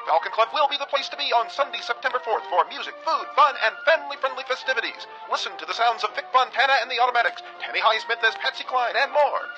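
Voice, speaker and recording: A punchy vintage radio newsreader, clipped and emphatic. He races along at a very high pitch in a radio ad, with music behind. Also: muffled recording. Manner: clipped, rapid-fire, emphatic. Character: urgent old-time radio newsflash announcer, brash and punchy. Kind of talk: 1940s radio newscaster parody ad. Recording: band-limited old radio sound.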